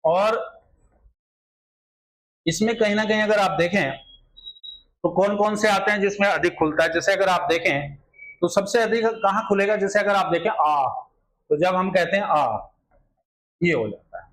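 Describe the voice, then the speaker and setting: Male grammar teacher, high-pitched, exam-prep lesson, repetitive rhetorical style. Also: moderate pace, pauses often, a bit bright, low-quality recording. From India. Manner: repetitive filler phrases, rhetorical questions to students.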